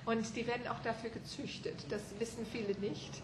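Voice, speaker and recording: A woman's voice: fairly high pitch, steady tone, brisk. A woman teacher interviewing a language student conversationally, encouraging with frequent affirmations and prompts. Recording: roomy echo, clear background noise.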